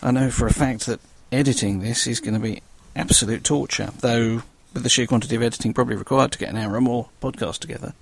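Fast-talking South London man, slightly gravelly. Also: mid-range voice, background noise. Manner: self-deprecating, dry humour. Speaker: guest podcast host. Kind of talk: casual solo podcast talk.

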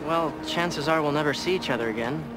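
A man's voice: a little high, fairly quick, heavy background noise, lightly acted. A man playing a wry, reserved young military recruit in a film. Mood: wry, hesitant. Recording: film soundtrack under loud music.

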